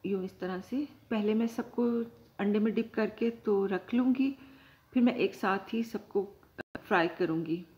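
Calm woman teaching a recipe at home. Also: medium pitch, unhurried, highs cut off. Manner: calm, instructive, addresses viewers directly. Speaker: cooking channel host. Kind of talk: step-by-step recipe tutorial. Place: home kitchen, indoors.

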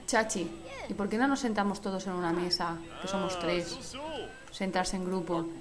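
A woman with an accent from Spain, commenting on a life-sim game, excitable and sweary, often breaking into silly singing. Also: fairly low pitch, moderate pace. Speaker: gaming host. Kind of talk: let's play commentary. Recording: game music playing behind the voice. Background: game music.

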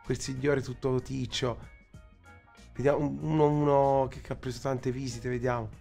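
A man's voice: medium pitch, little pitch movement, moderate pace, vocal fry, warm tone, soft background music. A man in his thirties giving casual live reaction commentary as a streamer, bemused and complaining, close to the mic. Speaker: streamer and host. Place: small indoor streaming room.

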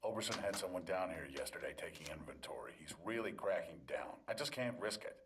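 An actor playing a weary, clinical doctor in a video game drama, speaking in a measured, official and apologetic way. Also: male voice, sits low, lively intonation, distant mic, noisy background. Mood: firm, apologetic. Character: weary, clinical male doctor enforcing harsh rules.

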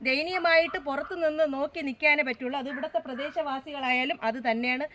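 A woman's voice: sits high, steady tone, quick pace, pushed and bright. A woman with a southern Kerala Malayalam accent giving chatty, casual travel vlog commentary, repeating phrases and checking in with viewers with tag questions. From Kerala, India. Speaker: travel vlogger. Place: outdoors, walking through a village and rocky hill. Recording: outdoor recording with background noise.

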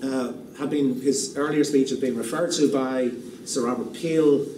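A man's voice: medium pitch, fairly even intonation, normal speed, darkish tone. A man in his sixties giving a public lecture at a lectern, thoughtful and restarting often, repeating words as he works out each point. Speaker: keynote speaker. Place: lecture room, standing at a lectern. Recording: echoey room, far from the mic, room noise.

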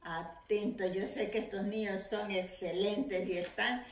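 A woman teacher leading an early reading lesson for young children, slowly sounding out letters and syllables. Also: medium pitch, fairly even intonation, slight background noise. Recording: echoey room.

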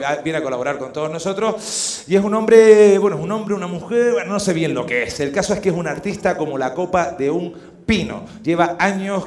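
A man's voice: on the high side, reverberant. A young man from the Canary Islands with a Canarian accent, doing a chatty, punchy stand-up monologue. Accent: Canarian Spanish. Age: young adult. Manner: chatty, punchy, animated, using crowd tags. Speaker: stand-up comedian.

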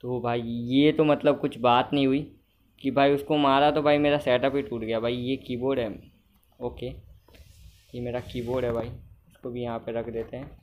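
A young man giving casual commentary on his own gameplay, chatty and talking to himself, at times loud and scolding at the game characters. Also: medium pitch, flat delivery, normal speed, a little hiss or hum. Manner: chatty, talks to himself, keeps saying brother. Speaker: gamer.

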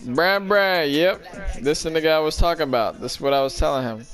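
A man chatting casually with friends while gaming, trash-talking loudly and cracking up laughing. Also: a little high, expressive, quick pace, soft background music. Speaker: gamer streaming with friends.

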